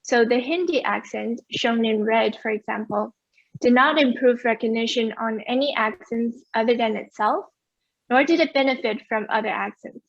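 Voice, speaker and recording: A woman giving an academic conference presentation over a video call, explaining results clearly. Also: fairly high pitch, normal speed, dry recording, lo-fi sound. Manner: clear, explanatory, asks for next slide.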